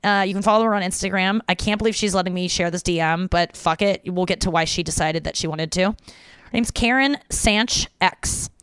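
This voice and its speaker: A woman talks straight into a close mic on her podcast, chatty and unfiltered, with casual swearing throughout. Her voice sits low and sounds smooth and clean. The recording is dry, with no room sound. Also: brisk, a bit bright, dry recording. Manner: chatty, frank and profane, reading listener messages aloud. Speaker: podcast host. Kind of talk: casual chat.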